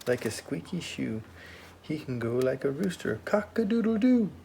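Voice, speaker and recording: A man reading a picture book aloud to a toddler in a sing-song way, with playful sound effects and pauses for the child to copy him. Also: mid-range voice, creaky, very noisy. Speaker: parent reading to a young child.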